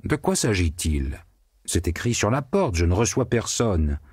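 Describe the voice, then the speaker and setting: A man's voice: on the low side, sing-song, measured pace, darkish tone, husky, dry recording, clean studio sound, exaggerated voice. A man voicing a haughty, irritable empty suit. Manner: haughty and curt.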